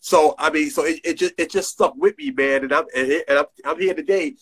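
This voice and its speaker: A middle-aged man with a New York area accent, a designer from New Jersey, is a guest on a casual phone video call interview from a small room, recorded on the front camera. He speaks briskly in a fairly bright, high-leaning voice with a breathy edge, using street slang and repeating points emphatically.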